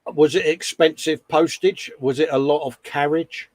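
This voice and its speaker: A man's voice: fairly high pitch, fairly even intonation, moderate pace, dry recording. A man co-hosting a casual hobby show, reading out posts in a chummy, colloquial way, often calling people mate. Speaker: co-host of a hobby live show.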